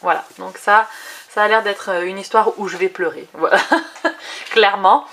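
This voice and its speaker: A woman's voice: mid-range voice, normal speed, a bit bright, a little hiss or hum. A woman chatting casually about her book haul to camera, with many fillers and restarts. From France. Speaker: book vlogger.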